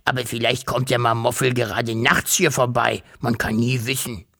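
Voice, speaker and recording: Ein gutmütiger dreiköpfiger Drache, den ein Mann spricht, mit kratziger, knarrender Stimme in einem Kinderhörspiel. Er faucht leicht und erklärt sachlich, ein hilfsbereiter Gefährte. Die Stimme ist etwas heiser und rau. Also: male voice, mid-range voice, level tone, moderate pace, gravelly, fairly bright tone. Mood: explaining. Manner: hissing, matter-of-fact. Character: three-headed male dragon, friendly and helpful.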